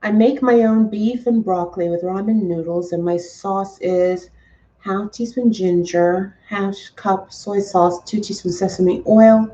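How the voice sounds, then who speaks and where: Female livestream host, medium pitch, encouraging and emphatic, conversational, recorded a bit off-mic. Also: steady tone, measured pace, dark tone, distant mic, dull audio. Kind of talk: casual chat to live viewers.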